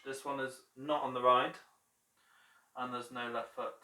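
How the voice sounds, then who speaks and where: A male drum teacher talks through exercises in an easygoing voice and calls out counts loudly between bits of explanation. His voice is picked up from a few steps off in an echoey room. A drum kit plays loud behind him. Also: mid-range voice, level tone, a little slow, over loud music. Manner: counts beats aloud, loud and clipped when counting. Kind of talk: relaxed lesson talk between drum exercises. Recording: roomy drum room, mic some distance off, drum kit loud. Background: drum kit playing.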